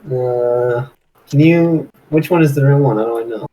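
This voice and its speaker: A man's voice: medium pitch, moderate pace, warm tone, rough recording. A man playing a tabletop game, chatting casually in a hesitant, musing way. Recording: clear background ambient noise.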